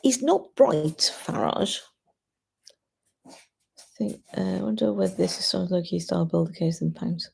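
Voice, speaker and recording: Female livestream host, husky and heavy on vocal fry, opinionated, informal, thinking out loud. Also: on the low side, normal speed, long pauses. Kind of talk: casual chat to live commenters.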